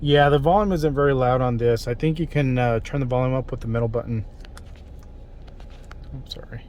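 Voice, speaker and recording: Guy doing a casual product test vlog, mid pitched voice, bit of car noise behind. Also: fast, a little mellow. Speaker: product reviewer. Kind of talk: casual spoken vlog commentary. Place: in or beside a car at a mall.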